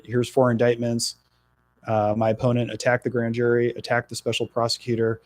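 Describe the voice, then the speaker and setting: A middle-aged New Jersey man running for office speaks in a radio interview at a medium pitch. He comes across as earnest but halting, with frequent fillers.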